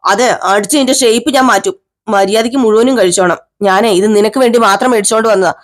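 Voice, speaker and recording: A woman's voice: a little high, fast, close to an everyday voice. A woman voicing a caring young husband who coaxes his wife fondly and scolds her in mock sternness.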